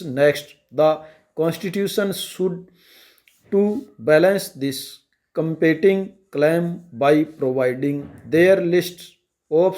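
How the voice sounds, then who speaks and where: A man with an Indian accent reading a dictation aloud in measured, halting phrases for shorthand practice. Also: a little high, darkish tone. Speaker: stenography dictation reader.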